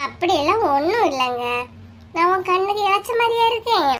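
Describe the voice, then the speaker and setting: A performer voicing a gentle, trusting young wife in a cartoon, with a Kanyakumari Tamil accent. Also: extremely high pitch, animated, a little fast, a little hiss or hum. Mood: pleading. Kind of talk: cartoon voice acting.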